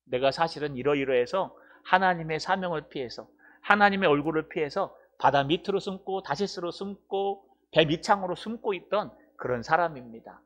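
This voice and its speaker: Brief: man playing an abashed prophet owning up, near-natural voice, slightly high. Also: normal speed, fairly bright tone. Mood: sheepish confession. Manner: confessional, explaining himself. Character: sheepish runaway prophet confessing, grown man.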